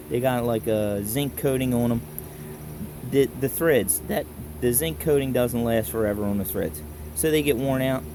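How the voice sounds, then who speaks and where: A man with a Baltimore accent gives a casual, plain-spoken hands-on tutorial in halting, folksy phrases, talking to a handheld camera. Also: medium pitch, noisy background. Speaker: instructor in a do-it-yourself tutorial. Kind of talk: casual hands-on how-to explanation. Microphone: handheld camera held while demonstrating.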